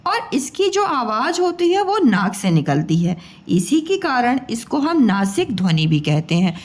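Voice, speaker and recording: A woman teacher giving a patient, coaxing lesson to children, sounding out letters slowly and repeating them. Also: fairly high pitch, sing-song.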